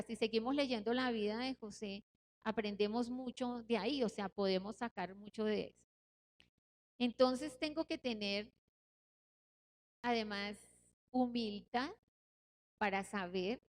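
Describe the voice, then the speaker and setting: A woman leading a Bible study, sharing personal testimony in an earnest sermon, slowing down to stress her points. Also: fairly high pitch.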